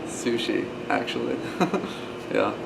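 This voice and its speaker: A man's voice: medium pitch, lively intonation, slow pace, creaky, noisy background. A young man from New York answering interview questions casually and unsurely, with fillers.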